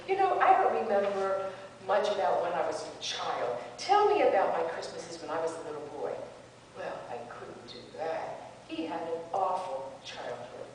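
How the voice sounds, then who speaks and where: A woman's voice: lowish voice, darkish tone. A woman playing an elderly wife married sixty years, telling her story fondly and with a wry touch. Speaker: stage actor in a monologue. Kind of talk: theatrical monologue. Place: stage in a hall. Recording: echoey hall, far from mic, faint noise.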